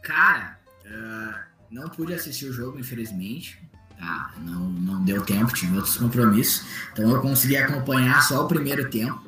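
A man's voice: mid-range voice, lively intonation, normal speed, pushed and bright, faint music behind. A man, co-hosting a casual sports chat in a blunt, sarcastic way and swearing freely. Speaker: podcast co-host. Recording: roomy echo.

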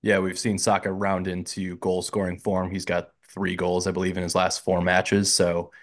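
This is an American man co-hosting a relaxed sports podcast. His voice sits very low and deep. He sounds upbeat as he keeps the chat moving with questions. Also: moderate pace. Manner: upbeat, asks questions and reads the show's segment links. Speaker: podcast co-host. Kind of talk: casual football podcast chat.

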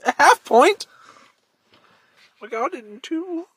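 A man's voice: very high-pitched, animated, takes it slowly, a bit bright, slight background noise. A man guessing answers in casual podcast banter, joking and mocking himself. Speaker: podcast co-host.

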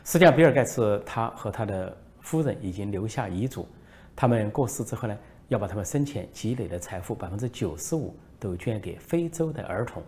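A man delivering a political commentary monologue, emphatic and storytelling. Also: brisk. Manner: emphatic, lively pitch, storytelling.

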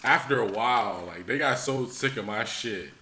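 A man co-hosting a casual podcast, telling stories with loud acted-out voices. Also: medium pitch, normal speed, roomy sound, a little hiss or hum. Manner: animated storyteller, acts out yelling voices. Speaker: podcast co-host.

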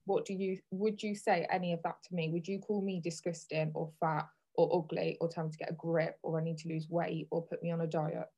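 A woman's voice: lowish voice, flat delivery, brisk, vocal fry, hardly any pauses, mellow, poor audio. Candid, chatty woman hosting a podcast, thirties. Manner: candid and chatty, laughs easily. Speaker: podcast host. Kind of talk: casual chat.

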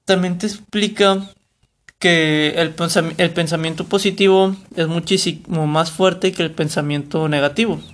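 Speaking in an unhurried, steady tone on the high side, a young vlogger with a Mexican Spanish accent talks to camera about a book. His review is colloquial and rambling, with frequent self-corrections.

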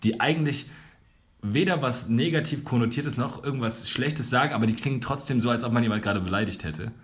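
A young man chatting on a relaxed podcast with a middle-pitched voice. He talks loosely, swears freely and often trails off into low mutters and mock quotes. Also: fairly quick, slight background noise. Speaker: podcast co-host. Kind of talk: casual podcast chat.

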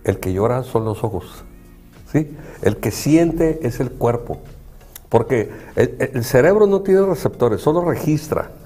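A psychology professor appears on a conversational talk show, explaining things earnestly and performing dialogue from what people told him. He speaks a little slowly in a dark, mid-range, expressive voice, with soft music playing behind him.

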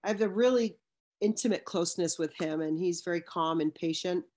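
A woman's voice: fairly low pitch, brisk, warm tone. A woman as an interview guest, speaking earnestly in a casual chat, with frequent restarts and fillers.

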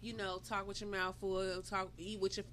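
A woman's voice: mid-range voice, flat delivery, normal speed, fairly bright tone, a little hiss or hum. A woman with a Detroit accent co-hosting a podcast, chatting casually and laughing often. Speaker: podcast co-host. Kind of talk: casual chat.

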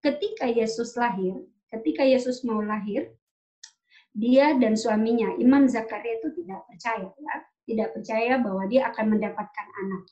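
A woman's voice: on the high side, moderate pace, dark tone. A woman preaching and retelling a story to her congregation in a chatty way, with many fillers and tag questions. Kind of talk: sermon storytelling. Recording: dull lo-fi sound.

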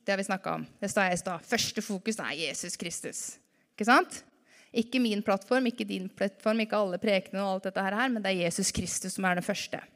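A woman preaching a lively sermon to her congregation, full of rhetorical questions. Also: medium pitch. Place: church hall. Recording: reverberant church hall.

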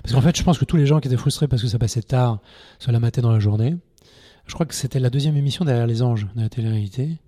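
Mellow-voiced man telling stories animatedly. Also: mid-range voice, quick pace. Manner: animated storyteller, acts out scenes in shouts. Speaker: guest, poker TV presenter. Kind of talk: casual podcast interview.

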